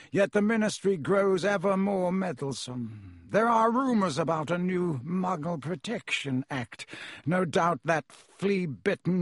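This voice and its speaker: A man voicing a cold, haughty aristocratic wizard father with a slow, disdainful, clipped delivery and a slightly husky tone. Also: a little high, no echo, clean studio sound, pitched above the performer's own voice.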